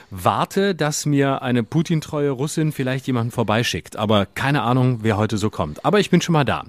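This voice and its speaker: A man co-hosting a comedy podcast, spinning absurd deadpan jokes and rambling asides. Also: medium pitch, dry recording, clean studio sound. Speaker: podcast co-host. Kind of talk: casual comedic banter.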